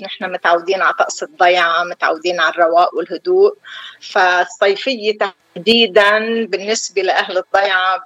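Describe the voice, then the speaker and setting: Lebanese lady chef on the phone, dull muffled line, dry close sound, calm unhurried storytelling. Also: medium pitch, no echo. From southern Lebanon. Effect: over the phone. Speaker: call-in guest chef. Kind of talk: phone interview chat.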